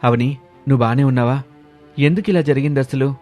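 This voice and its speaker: A man's voice: medium pitch, dark tone, soft background music, natural voice. A man voicing a worried young husband who talks earnestly and protectively in a storybook tale. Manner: earnest, rising to a quick scolding.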